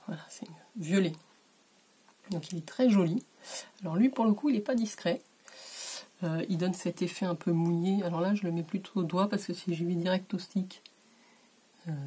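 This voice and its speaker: Mellow-voiced woman giving a chatty makeup tutorial. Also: on the low side, husky. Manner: relaxed and chatty, many hesitations, drops to a whisper while applying. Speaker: beauty vlogger. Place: warm bedroom.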